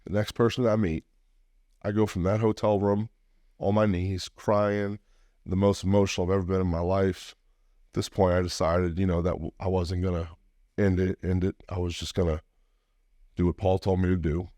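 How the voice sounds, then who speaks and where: A man's voice: sits low, level tone, moderate pace, dark tone, dry recording, studio quality. A man from Louisiana, a podcast guest, telling his life story in an earnest, heartfelt, reflective way. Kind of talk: personal storytelling interview.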